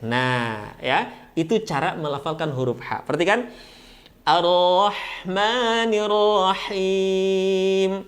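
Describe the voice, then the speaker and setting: A man teaching Quran recitation, explaining pronunciation rules in a friendly way and then chanting each verse slowly. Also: mid-range voice, big pitch swings, a bit bright. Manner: light, friendly jokes. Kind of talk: recitation lesson.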